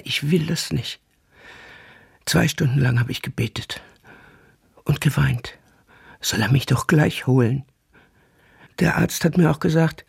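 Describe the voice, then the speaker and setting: A woman's voice: low voice, gravelly, a little mellow, husky, full character voice. A woman playing a lonely, half-paralyzed aging mother in a radio drama, pleading with her returned son. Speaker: mother figure in a radio play.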